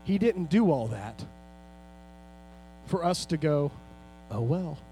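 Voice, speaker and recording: A middle-aged man preaching a sermon as pastor in a church, building to loud, fervent peaks and then dropping low and soft. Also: expressive, slow pace, a little hiss or hum. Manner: preaching with rising shouts and sudden soft drops. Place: church sanctuary.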